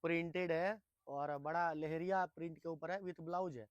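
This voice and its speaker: A man hosting a market vlog who interviews a seller, agreeing often and pitching prices eagerly. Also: fairly even intonation, dry recording, dull audio. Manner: quick, affirming with frequent hums. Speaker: vlogger host.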